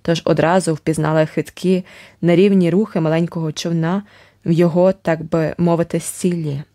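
A woman narrating an adventure audiobook in the first person, with expressive, dramatic storytelling. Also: lowish voice, normal speed.

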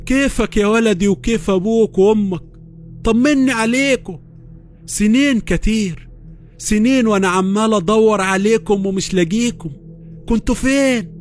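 Man doing a frail old grandfather, 70s, Upper Egyptian accent, thin trembling high voice, pleading, horror audio story. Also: animated, normal speed, faint music behind. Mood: tearful, shocked. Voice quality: weak, tremulous. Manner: emotional, pleading.

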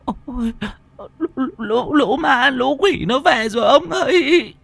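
A man's voice: expressive, takes it slowly, no echo, exaggerated voice. A man voicing a terrified old village woman in a ghost story, crying out in panic and stammering. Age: older. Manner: panicked, shrill, stammering cries.

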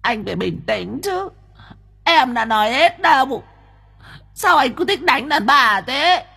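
A man's voice: very high voice, big pitch swings, slow, creaky, bright, forceful tone, husky, pitched above the performer's own voice, heavily acted. A man voicing a panicky, whiny effeminate ghost in an audiobook. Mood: whining. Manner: whiny, wailing calls.

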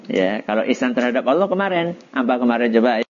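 A man's voice: mid-range voice, fast talker, a little hiss or hum. A man teaching religion to a class of children, quizzing them and laughing along. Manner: lively, quizzing students, laughing. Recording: dull lo-fi recording.

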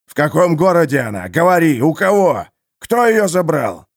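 A man's voice: medium pitch, lively intonation, unhurried, voice pushed up. A man voicing an enraged male merchant who hisses and barks threats at a prisoner, in an audiobook. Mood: furious. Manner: snarling, hissing commands.

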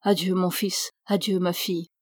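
A woman's voice: on the low side, little pitch movement, moderate pace, no room sound, natural voice. Woman voicing a stern old priest. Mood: kindly. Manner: severe, indignant outbursts.

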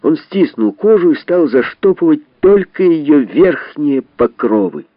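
A man giving a measured literary reading with dramatic pauses, on a dull, lo-fi recording. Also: a little high, animated, no echo. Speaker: reader. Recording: dull lo-fi dry sound.

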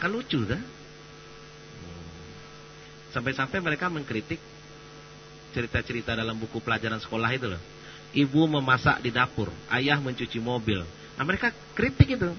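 Male preacher, casual joking lecture, dull hum-laden recording. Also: medium pitch. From Sumatra. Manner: chatty, joking, animated. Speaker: Islamic preacher.

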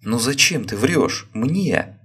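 A man reading a story voices a worried, scolding wife, lifting his voice higher and louder as she accuses her husband. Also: expressive, takes it slowly, breathy edge, full character voice. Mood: shouting. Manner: raised, accusing.

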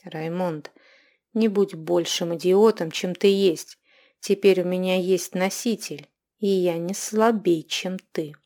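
A proud male ghost from an audiobook, icy and scornful, turning loud and sharp when angered, as a woman reader plays him. He commands rather than pleads. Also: fairly low pitch, fairly even intonation, slow. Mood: commanding. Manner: cold and scornful, raising the voice in anger. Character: proud, cold male ghost, a shape-shifter.

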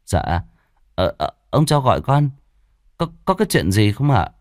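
Brief: meek servant boy, stammering and bowing, played by a male narrator, quick. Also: mid-range voice, very animated, a little mellow, dry recording, clean studio sound. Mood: timid. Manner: stammering, deferential.

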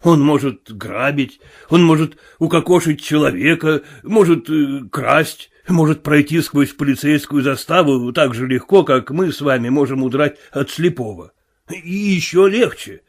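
A man voicing a talkative, grumbling old sailor who is quick to anger. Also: on the high side. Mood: grumbling gossip.

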